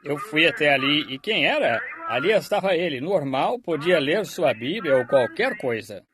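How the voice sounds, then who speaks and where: A man preaching a sermon, telling a testimony as a story and then praying slowly and earnestly. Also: fairly high pitch, big pitch swings, a crowd in the background.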